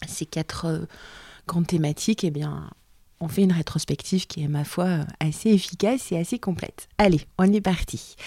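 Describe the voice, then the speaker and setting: A French woman in her forties hosts her own podcast alone. She talks in a low, warm voice, recorded dry and close. Her delivery is chatty and reflective, full of little hesitations and restarts. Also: dry recording. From France. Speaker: podcast host, training business owner. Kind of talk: casual solo podcast talk.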